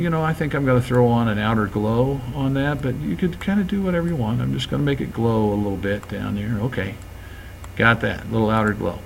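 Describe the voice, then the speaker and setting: A man teaching graphics, talking through each step of a screen-recorded software tutorial in a relaxed, chatty way. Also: medium pitch, slight background noise.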